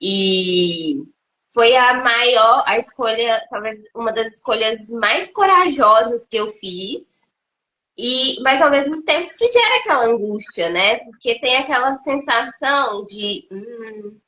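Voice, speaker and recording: A Brazilian woman from Minas Gerais with a Mineiro accent, hosting an interview in a relaxed, conversational way and sharing her own experience. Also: fairly high pitch, slow. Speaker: host. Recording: dull lo-fi live-stream audio.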